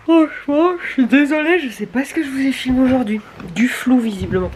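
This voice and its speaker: A young woman vlogger with a high, slightly mellow voice talks a little fast to camera, with a faint hiss or hum in the background. Her confessional chat is colloquial, crude and candid, mixing complaints with self-mockery.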